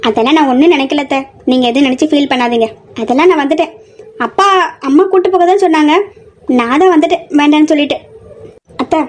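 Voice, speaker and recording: A courteous young bride, voiced by a woman, in a homemade audio drama. She answers her elders deferentially at a brisk pace. Her voice is high and light. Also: a little mellow, natural voice. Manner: polite, deferential. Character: polite young bride, soft-spoken.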